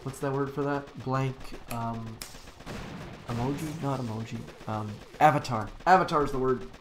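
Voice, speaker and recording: Over a noisy background, a man live-streams a strategy game at medium pitch and a moderate pace. His commentary is casual, upbeat, and rambling, with self-corrections and loud cheers for his troops.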